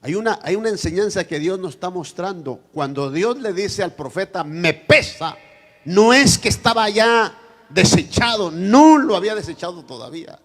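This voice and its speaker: A man preaching a sermon in church as pastor, swinging between loud shouted passages and quiet asides, acting out the voices he quotes. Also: sits high, expressive, moderate pace.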